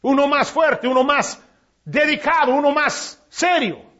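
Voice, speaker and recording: A man preaching a sermon with passion, rising to loud cries and dropping to hushed tones. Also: very high-pitched, a little slow. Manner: impassioned preaching, swinging from loud cries to hushed near-whispers. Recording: dull lo-fi recording.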